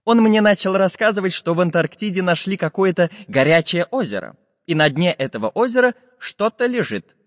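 A man doing a calm little iron tinkerer. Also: sits high, brisk, dry recording, in a large hall, lo-fi sound, voice pushed up. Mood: plain.

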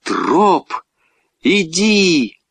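A man voicing an eager, commanding young boy in a storybook, with high shouted calls. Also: big pitch swings, very slow, gravelly, dry recording, exaggerated voice. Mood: calling.

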